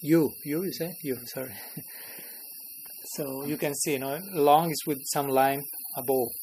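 Brief: man with a slightly high voice teaching scripture, chuckly, asks the room questions, faint hiss behind. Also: fairly even intonation, a little slow, a little mellow, poor audio. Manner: chuckling, checks in with listeners. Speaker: spiritual teacher. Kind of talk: scripture class.

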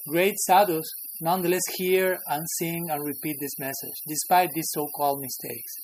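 A man's voice: a little high, steady tone, normal speed, poor audio. A man teaching a scripture class, who chuckles often and keeps checking in with his listeners. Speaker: spiritual teacher.

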